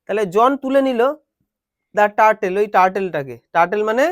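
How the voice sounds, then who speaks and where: A man's voice: high-pitched, animated, dry recording. Man teaching a lesson, dry sound. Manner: reads English slowly, then explains and quizzes students. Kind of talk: classroom lesson.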